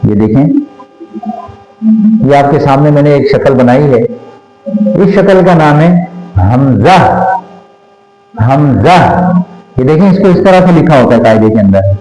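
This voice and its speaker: A man's voice: medium pitch, mellow. A man teaching Quran letter pronunciation, patiently repeating each sound so learners can copy it. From Pakistan. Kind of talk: slow Quran recitation lesson. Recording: echoey room with faint music.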